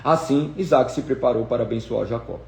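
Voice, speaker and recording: A man, a pastor, reading a Bible passage aloud in a measured, expressive way. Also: mid-range voice, creaky. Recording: echoey room.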